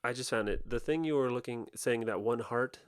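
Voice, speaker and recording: A young adult man co-hosting a podcast, joking around in casual commentary over festival footage. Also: mid-range voice. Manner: joking, animated, quick deadpan gags. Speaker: podcast co-host.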